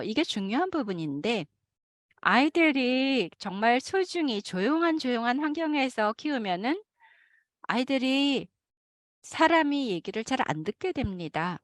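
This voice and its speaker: A woman giving a live interpretation of a lecture, with an animated delivery and frequent hesitant fillers. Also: fairly high pitch, no room sound, studio quality.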